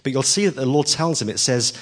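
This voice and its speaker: A man's voice: mid-range voice, animated, brisk. Earnest man preaching a sermon. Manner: earnest and emphatic, rising to stress key lines, with frequent ums.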